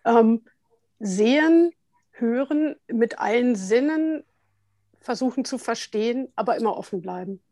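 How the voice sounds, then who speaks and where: A woman guest answering interview questions in a relaxed, chatty way, with frequent hesitations and light laughter. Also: on the high side, unhurried, no echo, studio quality. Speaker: guest, head of continuing education at a central bank.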